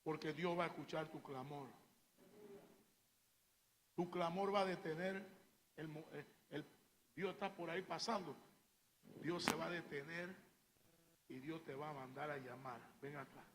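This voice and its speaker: A man preaching a sermon as pastor, fiery, shouting out the cries he quotes and often calling the listeners "hermano". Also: fairly high pitch, unhurried, long pauses, a little hiss or hum. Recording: reverberant church hall.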